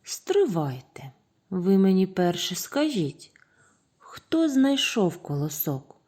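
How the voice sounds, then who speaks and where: A woman's voice: medium pitch, very animated, slow, dark tone. A woman playing a patient hardworking rooster. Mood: stern.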